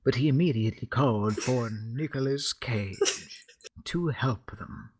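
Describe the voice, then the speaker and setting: A man reading a parody scripture aloud for laughs, in a deadpan, solemn tone that now and then breaks into laughter and leaves him short of breath. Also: mid-range voice, a little slow, slightly rough. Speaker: reader.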